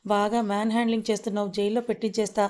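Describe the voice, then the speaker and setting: A woman's voice: medium pitch, flat delivery, rapid-fire, darkish tone, natural voice. A woman voicing a playful young woman in love, teasing and mock-angry.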